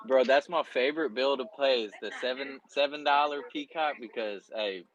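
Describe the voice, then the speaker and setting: A man co-hosting a casual talk show who jumps in with quick jokes and comments. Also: mid-range voice, highs cut off. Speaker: podcast co-host. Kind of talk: casual chat.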